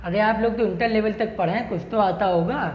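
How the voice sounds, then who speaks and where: A man's voice: sits high, fairly quick. A man teaches an English grammar class and keeps asking questions that he answers himself. The sound is dull and lo-fi with a faint hiss. A long echo hangs in the room. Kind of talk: online classroom lecture.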